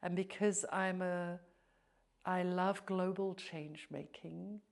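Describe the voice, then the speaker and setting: A middle-aged woman from South Africa, speaking as an interview guest in a slow, reflective way that sometimes sinks to a near-whisper. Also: fairly low pitch, steady tone, vocal fry. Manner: slow, thoughtful, drops to near-whisper at times.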